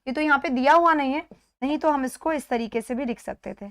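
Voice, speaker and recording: High-voiced woman teaching pronunciation. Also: fairly bright tone. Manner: explains step by step, often checks in with "theek hai"; repeats words slowly to model pronunciation. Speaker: English exam teacher. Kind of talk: live online exam-prep lesson.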